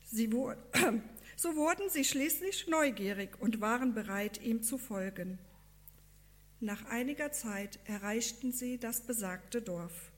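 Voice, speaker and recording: A woman reading a devotional story aloud in a calm, measured, earnest way. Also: on the high side.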